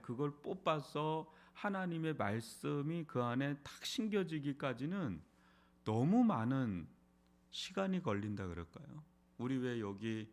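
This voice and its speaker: A middle-aged man, a pastor, preaching an early morning sermon in a church in a conversational way, with frequent rhetorical questions. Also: mid-range voice. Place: church sanctuary.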